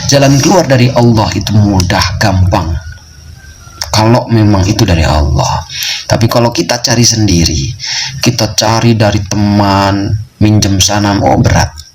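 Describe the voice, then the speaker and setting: A man preaching with a fairly low voice. He tells a story with steady, emphatic repetition and speaks to his listeners as friends. Faint ambient noise sits behind him. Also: a little slow, poor audio. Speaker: Islamic preacher. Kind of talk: storytelling sermon.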